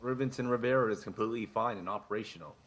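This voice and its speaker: A man's voice: on the low side, racing, fairly bright tone, rough recording. A man in an improvised game role-play, playing a man who talks like a stiff robot in formal, mechanical phrases. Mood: stiff robotic.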